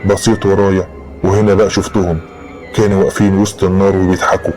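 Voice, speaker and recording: A man's voice: low voice, flat delivery, quick pace, a little mellow, faint music behind. A man with an Egyptian Arabic accent narrating a horror story in the first person, in a dramatic storytelling style.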